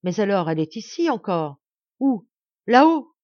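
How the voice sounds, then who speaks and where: Lady reading a book doing a young guy desperate over his lover, loud raised cries, dry dull sound. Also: fairly low pitch, lively intonation, moderate pace, dry recording. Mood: anguished. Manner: anguished outbursts, loud and raised. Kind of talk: audiobook dialogue reading.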